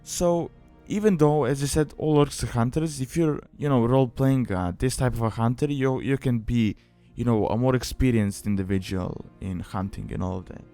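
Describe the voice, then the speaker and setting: Soft background music accompanies a man's mid-range, dark voice at a normal speed. He's a guide host and gaming video maker delivering a casual tutorial voice-over, explaining as he rambles and leans heavily on "you know" and "like."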